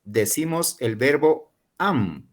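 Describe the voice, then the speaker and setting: A man in his forties, a professor at a Peruvian university, teaches English online through Spanish, going over model phrases slowly and repeatedly. He speaks in a mid-range voice with lively intonation.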